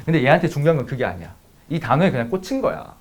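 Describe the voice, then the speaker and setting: Racing along in a husky, medium-pitched and very animated voice, a man teaches math. He mixes a profane personal story into his casual lecture, cursing freely and addressing students bluntly.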